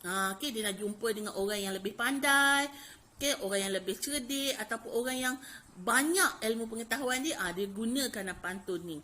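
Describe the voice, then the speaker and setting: Malay lady teacher explaining stuff to little kids, bright voice, bit high, lots of okey and ha. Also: normal speed. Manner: chatty teacher with frequent "okey" and "ha" fillers, spelling out letters. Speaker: primary school teacher. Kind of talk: classroom lesson explaining poetry.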